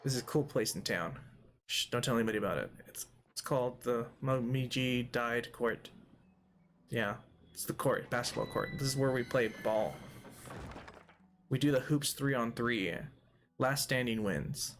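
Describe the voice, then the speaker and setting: Chatting to the characters on screen, a male let's-play host jokes his way through loose, wandering commentary. He keeps a measured pace in a slightly bright, mid-range voice, with a little hiss or hum in the audio.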